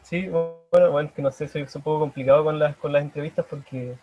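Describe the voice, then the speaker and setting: A man's voice: fairly high pitch, steady tone, faint music behind. Hesitant young Chilean man, lo-fi call. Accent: Chilean Spanish. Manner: hesitant, halting, many restarts. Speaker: painter, interview guest. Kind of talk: casual interview. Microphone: video call.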